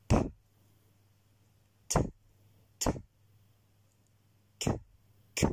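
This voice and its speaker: A woman giving a pronunciation lesson, speaking clearly and deliberately and slowing down to model words for her students to repeat. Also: mid-range voice, mellow. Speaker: English pronunciation teacher. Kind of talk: scripted online lesson.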